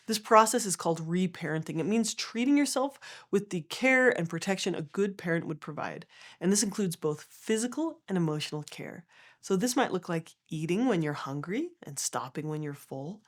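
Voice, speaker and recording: Young adult woman, a touch low, calm and gentle for therapy explainer narration. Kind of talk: educational explainer.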